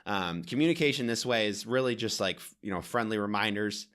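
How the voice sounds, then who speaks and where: A man with a fairly low voice co-hosts a podcast in easygoing chat. He talks earnestly and rambles a little, often breaking off to correct himself. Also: lively intonation, brisk, a bit bright. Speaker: podcast co-host. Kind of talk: casual chat.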